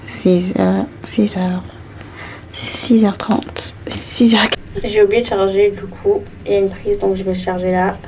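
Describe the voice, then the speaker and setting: A young woman from France, eighteen, chatting casually to her viewers at home in an animated, self-mocking way. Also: medium pitch, a little hiss or hum. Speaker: vlogger. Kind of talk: casual vlog chat to camera. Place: home, indoors. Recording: music playing clearly behind.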